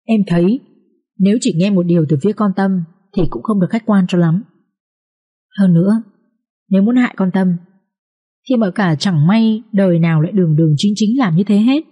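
A calm, fair-minded older concubine pleads for reason in a measured, level voice, as a woman reading the story puts her on. The tone stays mellow and warm even when she rebukes someone. She sounds steady and unhurried. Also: medium pitch, husky, muffled recording, lightly acted. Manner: measured, reasoning, then sharply scolding.

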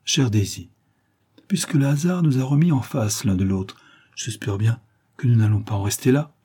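A man voicing an amorous, excitable private detective who courts with flowery, effusive words. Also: medium pitch, normal speed, breathy edge, lightly acted. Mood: gallant. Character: amorous middle-aged male private detective, gallant and excitable.

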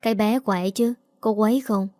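A woman's voice: medium pitch, fairly even intonation, normal speed, dark tone, dry recording, clean studio sound, lightly acted. A woman voicing a kindly older housekeeper who speaks plainly and with motherly care. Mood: caring.

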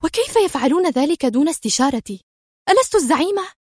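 A woman voicing a furious, sharp-tongued female mafia boss with shrill, rapid outbursts. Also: very animated, dry recording, clean studio sound. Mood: indignant.

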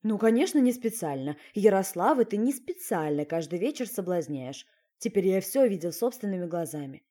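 A woman's voice: mid-range voice, very animated, moderate pace, warm tone. A woman voicing a spiteful young man turned into a frog, snapping and sarcastic. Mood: angry.

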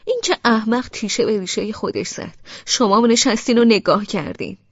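A woman narrator voicing a furious young man who shouts scornful, sarcastic rebukes at his sister. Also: on the high side, no echo, pitched above the performer's own voice, natural voice. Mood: furious scolding. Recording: dry, slightly dull studio audio.

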